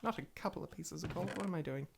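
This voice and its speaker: A woman with a lowish, creaky voice talks fast over background noise. She hosts a gaming channel, chatting and rambling to viewers in a casual Let's Play while she plays, sounding a little stuffy from a cold.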